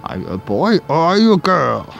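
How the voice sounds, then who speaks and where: A man's voice: a little high, sing-song, moderate pace, creaky, voice pushed up. A man reading game dialogue aloud as an elderly male professor, in a mild put-on voice over faint game music. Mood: explanatory.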